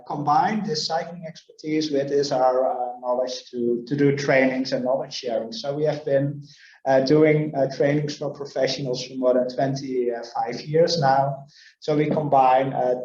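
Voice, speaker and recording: A man's voice: mid-range voice, warm tone. Man, webinar host, hesitant with fillers, roomy muffled video call. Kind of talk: webinar introduction.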